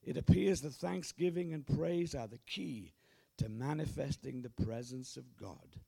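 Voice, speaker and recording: A hoarse man getting over a cold, preaching a sermon as pastor at a church service in an emphatic, urging way. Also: mid-range voice, measured pace, dark tone. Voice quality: croaky.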